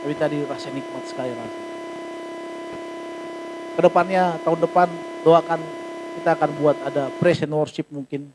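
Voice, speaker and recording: A pastor preaching to his church in a high, bright voice, chatting and joking between points and acting out little everyday scenes. A steady electrical hum runs beneath the recording. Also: normal speed, long pauses. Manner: lively conversational preaching, jokes and acted asides. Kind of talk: sermon. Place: church hall.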